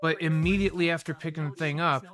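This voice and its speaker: A man's voice: on the high side, steady tone, quick pace, fairly bright tone. Swearing man telling a story on a stream. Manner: rambling, swears freely, addresses viewers by name. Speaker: livestream host. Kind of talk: casual storytelling to chat.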